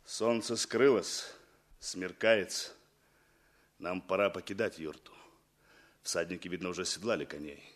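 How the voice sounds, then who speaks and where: An actor playing an earnest Mongolian revolutionary commissar with a declamatory way of speaking in a theatrical radio drama. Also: male voice, low-pitched, unhurried, long pauses. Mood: solemn, fervent. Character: Mongolian revolutionary commissar, musician and fiery orator.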